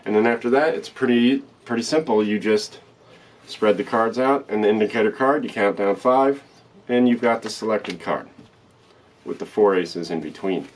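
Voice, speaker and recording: A man's voice: fairly low pitch, moderate pace. A man giving card magician patter, explaining a trick step by step in a plain, instructional way and repeating the steps. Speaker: card trick tutorial presenter.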